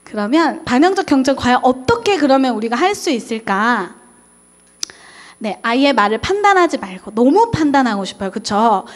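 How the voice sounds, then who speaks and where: Young woman teacher giving a parenting talk, high voice, says "uh" a lot, acts out what parents and kids say. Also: big pitch swings, normal speed. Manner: acts out quoted parent and child lines; frequent "어" fillers, talks straight to parents. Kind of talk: lecture on parent-child communication.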